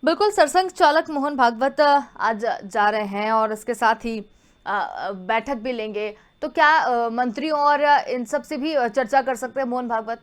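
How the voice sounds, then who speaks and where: A woman's voice: on the high side, unhurried. A woman news anchor asking a correspondent questions and reading bulletin items. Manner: reads bulletin items smoothly.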